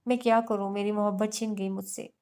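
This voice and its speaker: A woman's voice: mid-range voice, flat delivery, fairly quick, darkish tone, clear, resonant tone, natural voice. A woman narrator voicing a grieving young woman who pleads through tears. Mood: anguished. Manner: sobbing, pleading outbursts.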